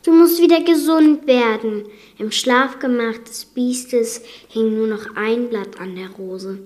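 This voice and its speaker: A woman's voice: fairly high pitch, fairly even intonation, slow pace. A woman voicing a loving young heroine who speaks emphatically and pleads. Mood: pleading.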